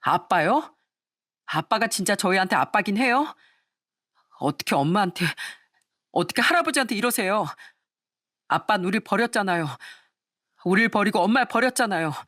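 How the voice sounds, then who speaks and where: A woman's voice: medium pitch, animated, normal speed, long pauses, a bit bright. Woman voicing an indignant grown son. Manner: reproachful, firm. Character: eldest son, indignant and protective of his mother.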